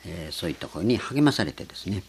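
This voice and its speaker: A man's voice: low-pitched, very animated, quick pace, vocal fry, darkish tone, a little hiss or hum. A man preaching a sermon, explaining earnestly with frequent hesitations.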